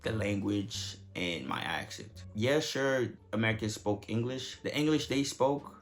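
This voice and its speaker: A man's voice: on the low side, lively intonation, measured pace. A young man from Nigeria telling his story to camera in a casual, joking, profane way. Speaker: vlogger.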